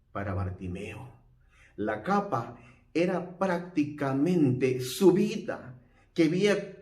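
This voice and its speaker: A man's voice: mid-range voice, a little mellow, roomy sound. A male preacher giving a sermon, emphatic and putting questions to his listeners.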